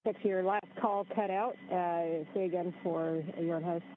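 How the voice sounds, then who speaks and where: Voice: mid-range voice, fairly even intonation, a little slow. Spacecraft crew member, narrow phone-like band, terse radio procedure, breaking-up space radio. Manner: clipped radio-call phrasing.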